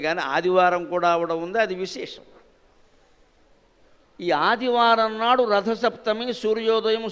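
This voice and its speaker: A man's voice: a little high, a bit bright, clean tone, big-room sound. A man giving a religious discourse, emphatic and scornful, firing off rhetorical questions at his audience. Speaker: spiritual discourse speaker. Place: temple hall in front of a live audience.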